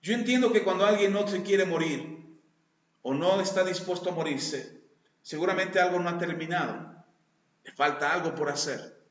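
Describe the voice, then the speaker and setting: A man gives a sermon in a high voice, earnest and swinging between quiet and loud passages. He calls his listeners brother. The sound is dull and lo-fi, with long echo from a large hall. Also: normal speed. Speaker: pastor.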